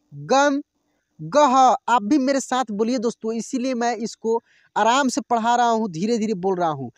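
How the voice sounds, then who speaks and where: A man's voice: extremely high pitch, no echo. A man teaching as a tutor, reciting syllables one by one and often addressing his listeners as friends. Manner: drills syllables aloud, frequent "friends" and "okay" asides. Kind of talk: slow syllable recitation lesson.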